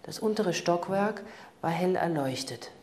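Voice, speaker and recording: A woman narrating a crime audiobook in a calm, even manner. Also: fairly low pitch, unhurried. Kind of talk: scripted narration.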